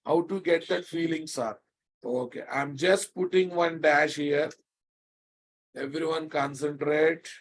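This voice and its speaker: A man with a Telugu Indian accent teaches a live technical class in a somewhat high-pitched voice. He is emphatic and repeats himself often. He prods and chides his students with insistent questions. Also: steady tone, takes it slowly, slight background noise. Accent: Telugu Indian English. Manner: emphatic, repetitive, chiding, prodding students with questions. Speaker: programming instructor.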